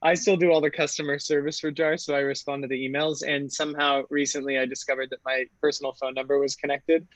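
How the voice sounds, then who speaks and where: Man co-host, slightly high voice, dry close sound, animated storyteller. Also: quick pace, few pauses, no echo, low-quality recording. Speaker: podcast co-host, kombucha brand founder. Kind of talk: casual podcast chat.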